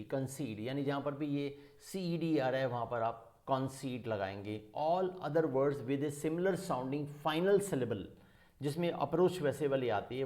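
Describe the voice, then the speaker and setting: Man teaching spelling, slightly high. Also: darkish tone. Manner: mixes Hindi and English, reads passages slowly from a book. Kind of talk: spelling lesson.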